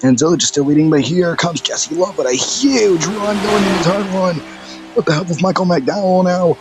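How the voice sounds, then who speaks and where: A man doing rapid, excitable play-by-play commentary of a video game race, out of breath, his voice jumping high on sudden exclamations. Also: noisy background. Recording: clear background music.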